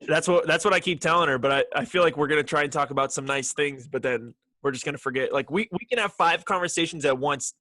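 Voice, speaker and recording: A man's voice: a little high, quick pace, hardly any pauses, pushed and bright, dry recording. A young man hosting a casual podcast chat, laid-back and chatty, swearing and laughing often. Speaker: podcast host.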